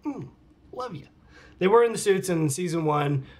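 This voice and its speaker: A channel host, middle-aged, answers fan questions from home with his cat around. His high voice has lively intonation and a moderate pace, and he reads the comments casually, laughing often and muttering asides.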